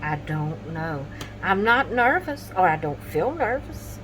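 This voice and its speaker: A woman's voice: on the low side, very animated, slow, noisy background. A woman chatting casually to her camera at home about her coloring pages, drowsy and yawning, apologizing and trailing off mid-sentence. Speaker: vlogger showing coloring pages.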